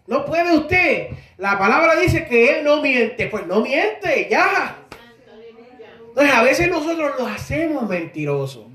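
A man preaches with a high, animated voice, slipping into the voices of figures from scripture stories. He sounds distant from the microphone, and the room echoes around him. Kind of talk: sermon.

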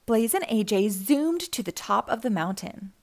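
Reading a children's picture book aloud at normal speed, a woman tells the story expressively in a voice on the high side.

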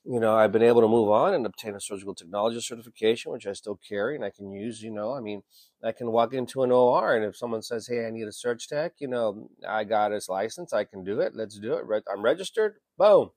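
A man's voice: lowish voice, fast, darkish tone, no echo. Fifties guy rambling on, lots of you know, swears a bit, keeps restarting, dry close sound. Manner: frequent restarts and repeated words. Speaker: emergency medicine worker. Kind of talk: reflective personal monologue.

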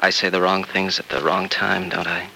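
An actor playing a kind, reassuring young male doctor in a 1940s radio drama, speaking gently and earnestly. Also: low-pitched, completely flat delivery, moderate pace, vocal fry, slight background noise, full character voice, low-quality recording.

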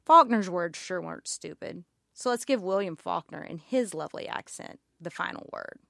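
A woman's voice: lowish voice, animated, normal speed, vocal fry, a bit bright, no room sound, studio quality. A woman with a Southern American accent gives a wry, pointed political commentary as podcast host.

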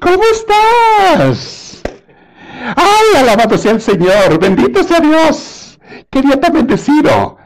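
Sermon bit: shrieking saccharine housewife, put on by a male preacher, way up high. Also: big pitch swings, slow, full character voice, rough recording. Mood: sugary. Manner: shrieking, sugary, exaggerated. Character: shrill, falsely sweet housewife greeting a visitor.

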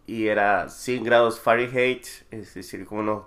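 A man, co-hosting a casual podcast chat, relaxed and laughing often. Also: fairly low pitch, normal speed. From lives in New Jersey. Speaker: podcast co-host, producer.

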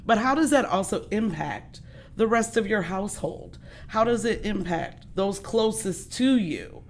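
A woman's voice: medium pitch, expressive, measured pace. A woman hosting a casual conversation, reflective and emphatic, asking rhetorical questions. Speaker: host.

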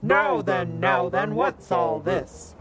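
A cross, big-eared dragon in charge, as a woman reading a story puts it on, loud and bossy and barking orders. The voice drops low and gravelly, pushed to full volume. A faint hiss runs under it. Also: very animated, measured pace, a crowd in the background, exaggerated voice. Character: booming, cross dragon boss with big ears.

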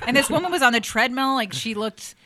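A woman's voice: fairly high pitch, animated, moderate pace, bright, forceful tone. A woman comedian in casual podcast chat, telling brash, profane stories and acting out quotes. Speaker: comedian guest.

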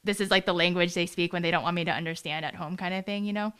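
Wrapping up a casual interview, a woman hosting a podcast offers fast, friendly thanks amid laughter and giggling. She speaks in a fairly low, steady voice that's a bit bright and clean in tone.

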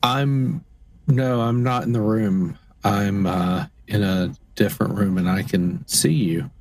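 A man's voice: on the low side, fairly even intonation, slow pace, a little mellow, no room sound. Thoughtful male player, dry sound. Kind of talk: casual tabletop role-play.

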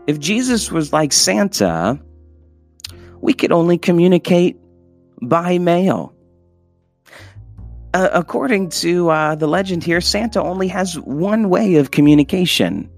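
A young man hosting a podcast at home, talking in an earnest, emphatic, preacherly way. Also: a little high. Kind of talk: casual sermon-style podcast talk. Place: home, by the Christmas lights.

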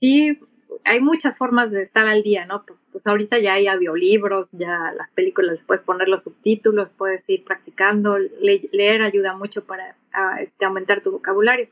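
Recorded at low quality, this middle-aged Mexican Spanish-accented woman talks conversationally as an interview guest, using acted-out examples to explain. She works as a pilot and aviation English instructor, and her mid-range voice is fairly bright, with fairly even intonation at a normal speed.

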